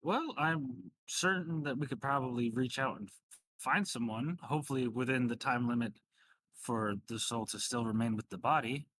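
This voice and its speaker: Guy doing a rambling old-school professor for a tabletop game, polite and hesitant, middling pitch. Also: moderate pace, fairly bright tone, dry recording, natural voice, poor audio. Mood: hesitant, explaining. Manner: rambling, hesitant, formal address. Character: rambling, polite male professor at a draconic college.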